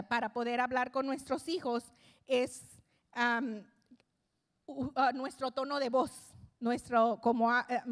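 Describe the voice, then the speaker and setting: A middle-aged woman giving an expressive, conversational church teaching to mothers, often pausing on fillers and restarting phrases. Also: high-pitched. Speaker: church speaker addressing mothers. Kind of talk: Spanish-language church teaching. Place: church service.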